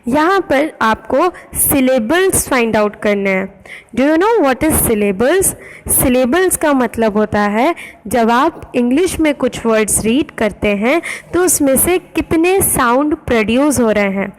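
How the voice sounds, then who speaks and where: A woman schoolteacher with an Indian English accent, giving a recorded English lesson and explaining it in Hindi, slow and careful in English, quicker in Hindi. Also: expressive, poor audio. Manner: teacherly, rises in pitch on questions to students. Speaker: school teacher.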